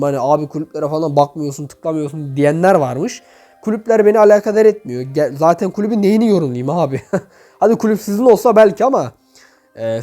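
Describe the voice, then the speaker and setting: A man's voice: high-pitched, mellow. A young man reviewing game accounts in chatty commentary, talking straight to his viewers, his voice echoing off a half-emptied room. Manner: chatty, addresses viewers directly and often. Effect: echoey voice from a half-emptied room. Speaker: gaming YouTuber reviewing player accounts. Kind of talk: casual commentary over gameplay.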